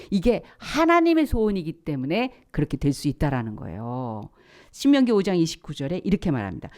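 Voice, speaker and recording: A woman pastor preaching at a church service. She asks rhetorical questions, repeats her key points, and drops now and then to a hushed, breathy whisper. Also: mid-range voice. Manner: rhetorical questions and emphatic repetition. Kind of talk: sermon.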